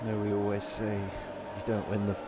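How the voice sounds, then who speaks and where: Low-voiced man calling a sim race. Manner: excitable play-by-play, quick reactions. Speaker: race co-commentator. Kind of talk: live sim racing play-by-play. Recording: stream audio with clear background noise.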